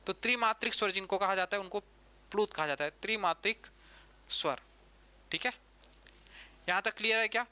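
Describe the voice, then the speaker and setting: A man's voice: sits high, bright, forceful tone, clear, resonant tone. A man teaching an exam-prep grammar lesson, who repeats key terms and keeps asking the class questions.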